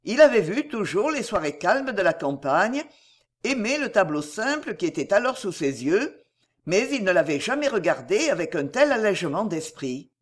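A narrator reading a classic novel aloud in a measured, expressive audiobook style. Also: mid-range voice.

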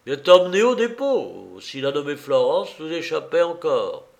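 A man voicing a rough police officer who gloats and threatens, in an audiobook reading. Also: fairly high pitch, big pitch swings, moderate pace, pitched above the performer's own voice. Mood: mocking. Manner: gruff and mocking.

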